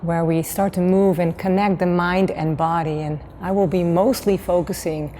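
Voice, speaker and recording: A woman yoga teacher calmly guiding a class into gentle movement. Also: lowish voice, moderate pace, a little hiss or hum. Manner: calm, gentle instruction.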